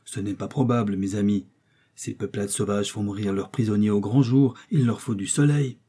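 A steady, commanding explorer doctor , read by a man with a dark, slightly husky voice. He lays out plans in a calm, reasoned way. This is an audiobook read aloud. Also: on the low side, moderate pace. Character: resolute learned explorer doctor, middle-aged man.

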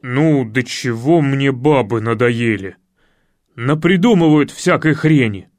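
A gruff, stout husband grumbling about his lot, voiced by a male reader. The sound is close and dry, the delivery lower and heavier than the narration. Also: lively intonation, slow pace, darkish tone, no echo. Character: grumpy stout middle-aged man, henpecked.

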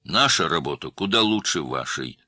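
Raised, lively man's voice for a furious, mocking mobster brother who shouts threats; dry close sound. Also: low-pitched, moderate pace, no room sound, exaggerated voice. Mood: defiant. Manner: angry, shouting, scornful. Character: hot-tempered male crime clan brother.

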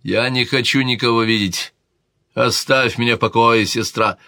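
A man's voice: mid-range voice, fairly even intonation, moderate pace, bright, forceful tone, no echo, clean studio sound. A man voicing a hot-tempered young king who snaps irritably in an audiobook reading. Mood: sulky. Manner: irritable, curt.

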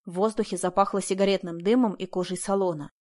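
A woman's voice: mid-range voice, fairly even intonation, fast, darkish tone. A woman reading a first-person audiobook aloud, telling the story in a tense, earnest way. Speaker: audiobook narrator.

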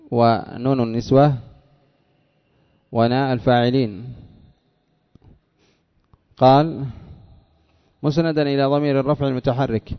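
Gravelly male teacher, lo-fi lesson recording. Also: medium pitch. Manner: drills students with questions, repeats words slowly. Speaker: Arabic morphology teacher. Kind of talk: classroom lesson.

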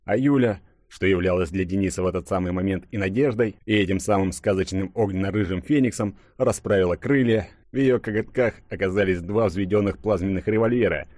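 Brief: male audiobook narrator, low voice, dramatic measured delivery, dry close sound. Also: darkish tone, no room sound.

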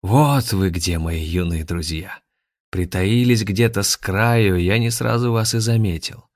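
A man's voice: on the low side, a little slow. A man voicing a scheming villainous male grandmaster who leads a cult, venomous and commanding. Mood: sly, mocking.

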